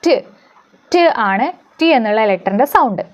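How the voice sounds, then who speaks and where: A woman teaching English letter sounds, asking questions and answering them herself, repeating example words slowly. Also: fairly high pitch, animated. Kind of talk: phonics lesson.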